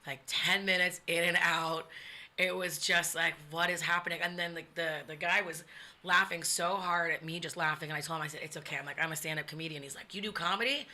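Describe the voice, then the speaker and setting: Lively, bright-voiced woman comic telling a story. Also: low voice, fairly quick. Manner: animated storyteller who swears freely. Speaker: stand-up comedian guest. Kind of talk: casual chat, telling a funny story.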